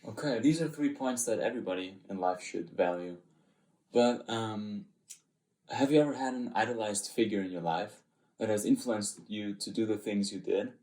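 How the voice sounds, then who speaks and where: Hesitant male interview host, low voice. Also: moderate pace, a little mellow, roomy sound. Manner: hesitant, many fillers.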